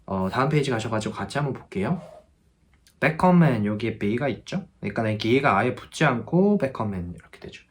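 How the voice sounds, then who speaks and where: Patient male language teacher. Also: medium pitch. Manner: explains patiently, drills verb forms by repeating them slowly. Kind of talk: online grammar lesson.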